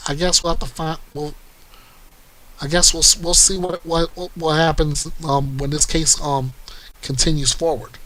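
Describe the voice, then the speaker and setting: A man hosting a true-crime news show, reading reports aloud in a plain, steady way and then commenting in a looser, halting way. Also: fairly high pitch, rough recording.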